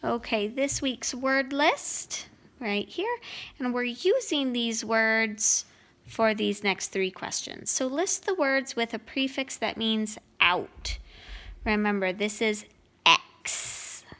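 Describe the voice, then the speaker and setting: Slow, gravelly-voiced woman teaching grammar. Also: on the high side, animated, fairly bright tone. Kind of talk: grammar lesson walkthrough. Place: home.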